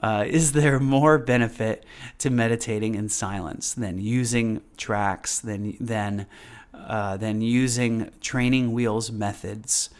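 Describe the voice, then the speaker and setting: Guy teaching meditation, casual live talk, explains stuff informally, pauses and repeats himself a bit. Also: fairly low pitch, fairly even intonation, clean tone.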